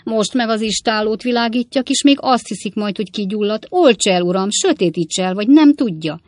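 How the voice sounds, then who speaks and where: A woman's voice: medium pitch, expressive, no room sound, clean studio sound. A woman voicing a cheeky, practical young male servant who talks urgently and bossily.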